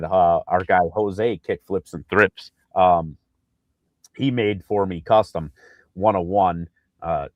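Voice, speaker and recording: A man co-hosting a casual sports podcast, telling an animated story with lots of fillers and acted-out quotes. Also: deep voice, no echo, muffled recording. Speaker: podcast co-host.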